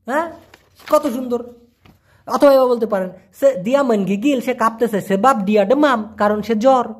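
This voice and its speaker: A man teaching a casual online language lesson, answering viewers' questions by name and repeating words slowly as he explains them patiently. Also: very high-pitched, slightly rough.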